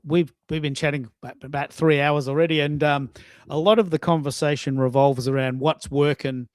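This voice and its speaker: A man with a fairly high voice hosts a live social audio show, leading a casual discussion. He talks effusively, like a storyteller, tossing in emphatic asides, and the recording is dry.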